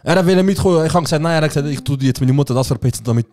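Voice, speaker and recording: A man with a Swiss German accent rattles through a childhood story at a quick clip. His voice sits at an ordinary middle pitch, and he keeps slipping into the other people's lines as he acts out the quoted dialogue. It is relaxed podcast banter among friends. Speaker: podcast co-host. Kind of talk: casual chat.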